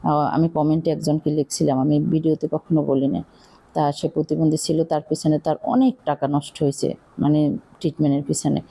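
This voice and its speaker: Barishal-accented woman with a low, mellow voice. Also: level tone, fairly quick, creaky, breathy edge. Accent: Barishal Bengali. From Bangladesh. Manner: chatty, rambling, confiding, many fillers. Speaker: cooking vlogger. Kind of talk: casual chat while cooking.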